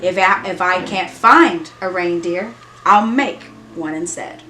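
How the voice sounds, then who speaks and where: A woman's voice: on the low side, slow pace, pushed and bright. A woman reading as the Grinch, sour and sly, echoey. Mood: determined. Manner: snarling, sly, theatrical. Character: sour, scheming old male Grinch who hates Christmas. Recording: roomy echo, music behind.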